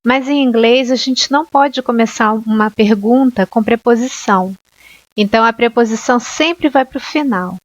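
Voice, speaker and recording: Woman teacher, Brazilian, unhurried patient explanations, slightly high voice, muffled lo-fi recording. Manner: slow, clear teaching explanations with frequent checks like "ok?". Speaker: English teacher. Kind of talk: online language lesson. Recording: dull lo-fi sound.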